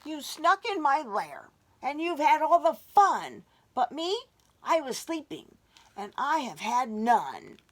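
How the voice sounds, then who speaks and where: A woman voicing a male bear in a children's storybook who complains loudly that he missed the fun. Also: high voice, very animated, takes it slowly, pitched above the performer's own voice, full character voice. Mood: aggrieved. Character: bear, male, sad and left out.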